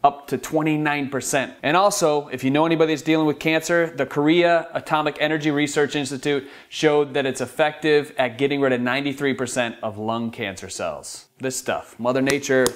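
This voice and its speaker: A man's voice: medium pitch, fairly even intonation, fairly quick, hardly any pauses. A man from Michigan hosting a health vlog, talking enthusiastically and casually about his favorite superfoods. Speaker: wellness channel host. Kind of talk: upbeat product-style health vlog.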